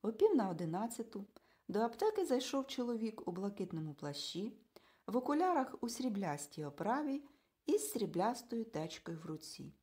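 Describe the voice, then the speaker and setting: A woman narrating a children's book in an expressive storytelling manner. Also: medium pitch, husky. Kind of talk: audiobook narration.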